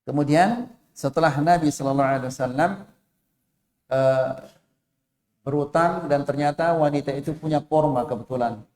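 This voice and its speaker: Indonesian preacher in an echoey mosque. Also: male voice, medium pitch, a little mellow. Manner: storytelling with Arabic quotations, voicing the figures in a raised voice. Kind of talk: sermon.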